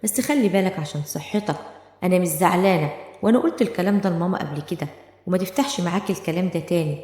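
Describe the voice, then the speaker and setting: A woman voicing a gentle, hurt young daughter in an Egyptian Arabic accent, soft and pleading, in an echoey room with long reverb. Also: fairly low pitch, rapid-fire, lightly acted.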